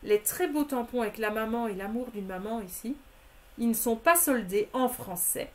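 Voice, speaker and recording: Woman, fairly high voice, live product presenter, methodical price listing, chatty with viewers. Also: moderate pace. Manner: methodically lists discounts and prices; addresses viewers familiarly. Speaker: crafting product demonstrator.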